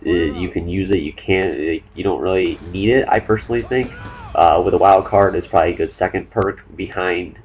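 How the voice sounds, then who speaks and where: A young man with a deep, low-pitched voice runs through his thoughts as gameplay commentary, rushing along and stumbling over fillers and restarts. Faint game noise sits behind his voice. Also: a little mellow, rough recording. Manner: fast, rambling, with many fillers and restarts. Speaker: gaming commentator.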